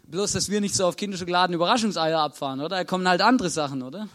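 A man with an Austrian German accent preaches a sermon conversationally, checking in with listeners after nearly every sentence. His voice is high-pitched and a bit bright, and he talks very fast.

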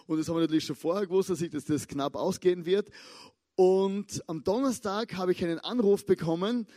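A young man giving a lively, casual sermon, chatting with asides and stretching key words slowly for emphasis. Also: high voice, no room sound, clean studio sound. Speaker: pastor.

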